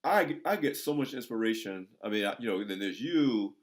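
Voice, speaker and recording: A man in his sixties hosts a conversational interview, encouraging his listeners with emphatic, preacher-like delivery. His voice is lowish, with lively intonation and a fairly quick pace.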